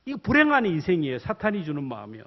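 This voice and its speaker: A male pastor preaching a sermon in an animated storytelling manner, acting out the people in his stories. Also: on the high side, racing. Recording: dull lo-fi sound.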